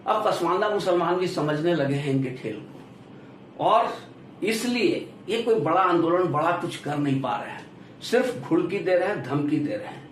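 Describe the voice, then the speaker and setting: A man delivering a political commentary monologue to his viewers, stressing key words and falling off at the ends of phrases, with rhythmic lists. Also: a little high. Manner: lists items in rhythmic repetition. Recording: echoey room, voice from a distance, faint hiss.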